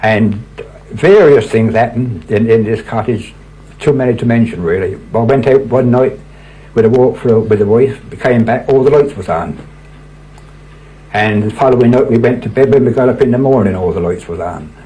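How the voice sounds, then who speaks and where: A man's voice: mid-range voice, normal speed, warm tone, slightly rough, rough recording. An older man, earnestly telling anecdotes as a local resident, quoting conversations as he goes. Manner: earnest, repeats "he said" and "she said" as he acts out reported talk. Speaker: local resident and court usher telling his experiences. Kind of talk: anecdotal storytelling.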